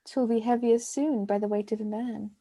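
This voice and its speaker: A woman's voice: a little high, fairly even intonation, moderate pace, warm tone, husky. A woman reading a teasing young waiting-woman. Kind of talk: amateur play reading online.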